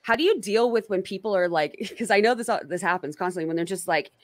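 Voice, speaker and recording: A woman's voice: mid-range voice, expressive, fast talker, no room sound. A woman hosting a casual online interview, talking in a rambling way with lots of fillers and self-corrections. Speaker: host.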